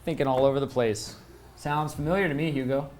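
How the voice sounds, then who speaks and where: Guy cohosting a late show, bragging and ribbing the guests, middle pitch. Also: fairly even intonation, a little fast, darkish tone. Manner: boastful, playfully argumentative, laughs often. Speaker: co-host of a late night show. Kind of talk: casual panel chat.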